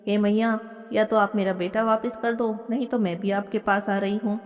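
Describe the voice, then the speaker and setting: A woman's voice: medium pitch, flat delivery, normal speed, darkish tone, faint music behind, lightly acted. A woman voicing a devout elderly mother-in-law who pleads and urges in a devotional story. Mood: pleading. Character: pious old mother-in-law, pleading and tearful. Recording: long hall reverb.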